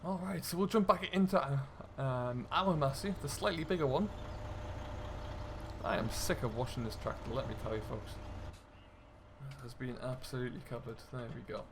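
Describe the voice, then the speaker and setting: Background noise accompanies a gaming creator's casual commentary as he plays a farming simulator, chatting comfortably with his audience. His voice is mid-range and his speed is normal.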